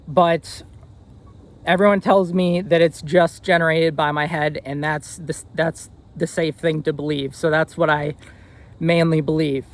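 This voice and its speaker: A young man in his twenties telling a personal story in an earnest, rambling way, with fillers and restarts. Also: fairly high pitch. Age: 20s. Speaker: vlogger.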